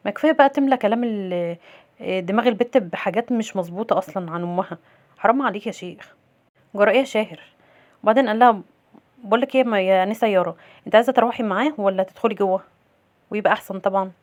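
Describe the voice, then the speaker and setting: A woman with an Egyptian accent casually recapping a drama episode, retelling each scene and quoting the dialogue in an even voice. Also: mid-range voice, very fast, long pauses. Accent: Egyptian Arabic. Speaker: series recap narrator.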